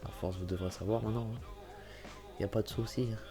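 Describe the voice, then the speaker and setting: A man's voice: fairly low pitch, fairly even intonation, fast talker, music in the background. A man with a cold, giving a chatty, self-correcting walkthrough of a computer-building game and often apologizing. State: has a cold, clearing throat. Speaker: gaming YouTuber. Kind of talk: casual gameplay walkthrough commentary.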